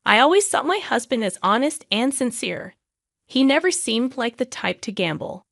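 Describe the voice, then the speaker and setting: Woman narrating a story, fairly high voice. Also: sing-song, moderate pace, creaky, fairly bright tone, dry recording, clean studio sound. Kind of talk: scripted first-person story narration.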